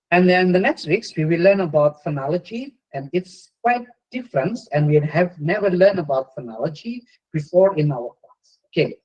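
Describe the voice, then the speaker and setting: A middle-aged man with an Indonesian accent gives an online university lecture, often repeating words and closing his points with "yeah." His voice sits high and is a little mellow, and the audio is dull.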